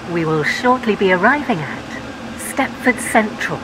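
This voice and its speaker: A woman's recorded train announcements, with words spliced together from separate recordings so the pitch and pace jump between phrases. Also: animated, measured pace, noisy background. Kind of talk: automated onboard announcements.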